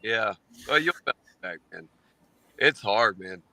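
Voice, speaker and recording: Over an online video call indoors, a man rambles in casual, profane chat, speaking slowly with a lowish, bright, forceful voice and lively intonation. There's no echo, though the lo-fi audio sounds slightly dull.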